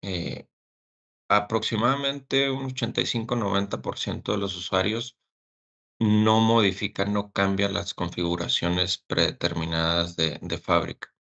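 Deep gravelly man. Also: little pitch movement, fairly bright tone, highs cut off. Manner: halting, many fillers and repeated words. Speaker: technical service engineer. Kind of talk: technical webinar presentation.

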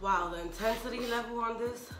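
A woman's voice: a little high, fairly quick. A young woman chatting casually to camera, in pain from spicy food with a burning mouth, groaning and exclaiming as she talks. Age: young adult. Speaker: vlogger doing a food challenge. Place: small home kitchen, indoors. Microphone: camera across the table. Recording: echoey room with music behind.

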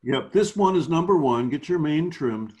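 A man's voice: on the high side, lively intonation, normal speed, darkish tone. A man instructing newer sailors in a virtual clinic, explaining step by step and often restarting his phrases. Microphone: video call.

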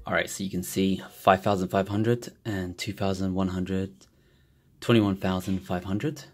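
A young tech reviewer with a deep voice and measured pace talks straight to the camera from his home desk, an indoor room full of monitors. His casual vlog is chatty, and he turns loud and giddy when excited, with soft music playing behind him.

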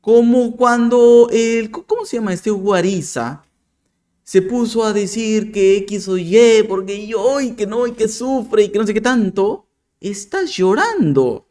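Speaking straight to camera, a video commentator argues his case slowly, with a sarcastic, mocking bite. His slightly mellow voice has lively intonation, rising and falling expressively as he presses his point.

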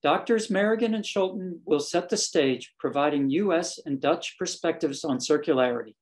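An older man reads a formal scripted announcement at a steady pace. His voice sits a little higher than most men's, and he speaks into a webcam. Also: normal speed. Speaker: society president-elect. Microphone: webcam framing.

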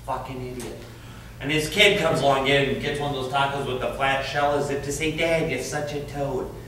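A man playing a crude loudmouthed bench stranger. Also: mid-range voice, steady tone, normal speed, lightly acted. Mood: prying. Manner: blunt, rambling, vulgar. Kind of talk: stage play acting. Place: stage performance. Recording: echoey, distant, faint hiss.

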